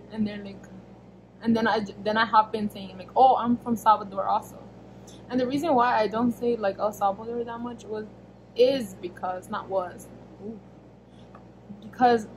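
With background noise behind her mid-range voice, a young American woman chats through viewer questions for her casual vlog. She rambles, uses many fillers, and corrects herself often, filmed in a small bedroom by a camera close in front of her face at arm's length.

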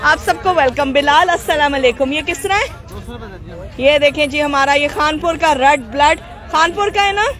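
A Pakistani woman hosts a casual live vlog at an open-air bazaar, greeting viewers and haggling in a chatty, playful way, slipping into English phrases. Her high-pitched, slightly bright voice moves at normal speed, a bit muffled by a mask. Recorded on a handheld phone, with a busy market crowd and faint music behind.

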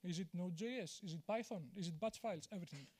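A man's voice: high voice, fast, darkish tone. A man, giving a conference talk on stage in a large auditorium, candid and self-deprecating, with many fillers and restarts. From Greece. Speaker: conference speaker. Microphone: handheld mic.

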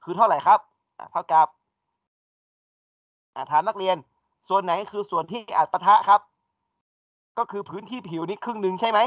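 Man, engineering lecturer, fairly high voice, muffled dry sound. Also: normal speed, pauses often, no echo. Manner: explains step by step, asks students questions. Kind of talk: classroom lecture. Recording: dull dry lecture recording.

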